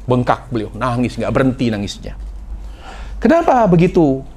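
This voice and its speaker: A man preaches to his congregation in a highly animated voice. His pitch leaps up for emphasis, then drops to hushed, near-whispered lines. The delivery is dramatic and theatrical. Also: moderate pace. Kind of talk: sermon.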